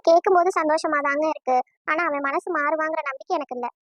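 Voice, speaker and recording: A woman's voice: fast, dry recording, natural voice. A woman voicing a young bride-to-be in a cartoon, tearful and devoted, with emotional, pleading speech. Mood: worried. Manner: pleading, emotional, high-pitched. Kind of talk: cartoon voice acting.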